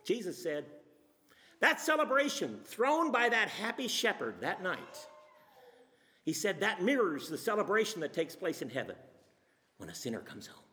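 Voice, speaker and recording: Animated sermon storyteller, man, bright and expressive, in a reverberant church hall. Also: normal speed, long pauses. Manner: storytelling, dramatic shifts in pitch and pace. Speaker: preacher.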